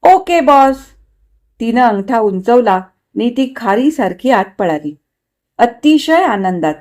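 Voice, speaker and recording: A woman reading a story aloud with measured, expressive narration. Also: fairly high pitch. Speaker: story reader.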